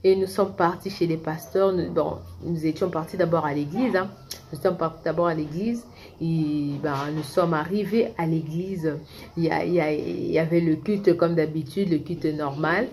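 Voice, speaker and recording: A woman's voice: low-pitched, fairly even intonation, moderate pace, a little mellow, slight background noise. A middle-aged woman from Kinshasa, a vlogger chatting through a personal story and talking straight to her viewers, often restarting her sentences. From Congo (Kinshasa). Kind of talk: casual storytime monologue.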